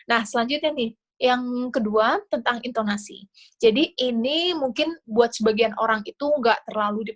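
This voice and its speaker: Chatty woman coaching on a video call. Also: fairly high pitch. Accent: Indonesian. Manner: casual, chatty explaining with fillers. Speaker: scholarship interview coach. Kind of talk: online class talk.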